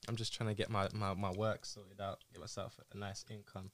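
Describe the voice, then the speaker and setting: A man's voice: on the low side, flat delivery, fairly quick, fairly bright tone, a little hiss or hum. A young man with a London accent, chatting casually and in slang as a podcast host among friends. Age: young adult.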